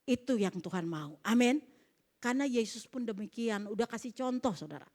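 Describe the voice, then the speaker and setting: High-voiced woman pastor preaching. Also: fairly quick. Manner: animated preaching, calls for amens, acts out dialogue. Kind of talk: sermon. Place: church service.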